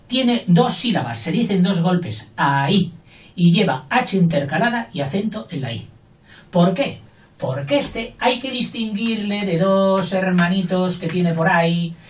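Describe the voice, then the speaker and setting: An older man with a high-pitched voice gives a casual, playful grammar lesson as a teacher, chatting and acting out small everyday scenes. He sits back from the microphone, so his voice sounds off-mic in a roomy, echoing space.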